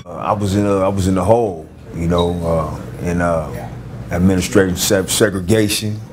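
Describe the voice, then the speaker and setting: A former gang member telling his story casually with a Los Angeles street-slang accent, halting and full of fillers and restarts. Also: sits low, crowd noise.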